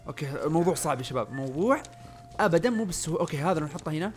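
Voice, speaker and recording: A young man giving casual let's-play commentary, muttering to himself and yelling when things go wrong. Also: a little high, lively intonation, rapid-fire, soft background music. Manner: chatty, often muttering under his breath, bursts of panicked yelling. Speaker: gaming channel host.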